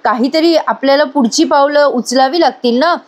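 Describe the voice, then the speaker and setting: A woman's voice: high-pitched, moderate pace, pitched above the performer's own voice, natural voice. A woman voicing a complaining, ambitious young man. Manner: complaining, pushy.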